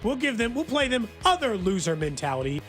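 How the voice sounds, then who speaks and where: A male sports host banters casually in a high, lively voice. Faint music plays underneath. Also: brisk.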